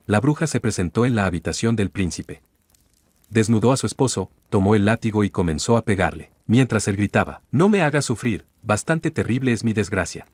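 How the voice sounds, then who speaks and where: A man with a low-pitched voice reads an old tale aloud, telling it dramatically. The sound is close and dry, with no room around it. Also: a little mellow, no echo. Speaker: storyteller. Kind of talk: storybook reading aloud.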